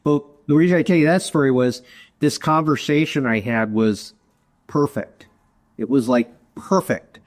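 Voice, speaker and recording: A man's voice: mid-range voice, normal speed. A middle-aged man, a guest in an interview, answering casually with chatty stories and jokes at his own expense. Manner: chatty, storytelling, jokes at himself. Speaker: guest, information security executive.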